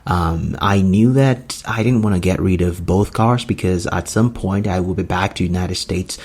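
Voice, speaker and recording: A man's voice: low voice, moderate pace, darkish tone, slightly rough. A man, hosting a solo podcast in an earnest, rambling way with many fillers. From Nigeria. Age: 20s. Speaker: podcast host.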